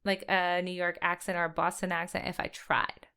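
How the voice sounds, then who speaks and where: A woman's voice: lowish voice, flat delivery, normal speed, sharp tone, clean tone. A woman co-hosting a true-crime podcast, telling the case in a chatty, storytelling way and swearing casually. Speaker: podcast co-host.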